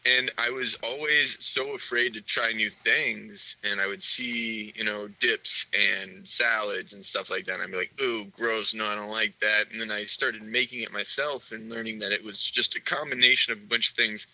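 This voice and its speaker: A man with a low, bright, forceful voice joins a podcast remotely as a guest. He talks in an easygoing way and explains things at length, and his sound is dry and close. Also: fairly even intonation, moderate pace, few pauses, no echo, rough recording. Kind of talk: casual podcast chat. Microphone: calling in remotely.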